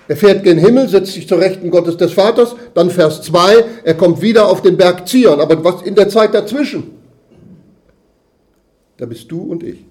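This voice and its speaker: Preacher with a dark, mellow voice. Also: male voice, a little high. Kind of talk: sermon.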